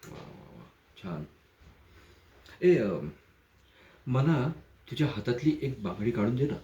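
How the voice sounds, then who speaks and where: A man playing a controlling, menacing man in a dramatic monologue, speaking softly and mockingly with sudden sharp rises. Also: mid-range voice, expressive, a little slow, lightly acted. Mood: mock-gentle. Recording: echoey room, dull lo-fi sound.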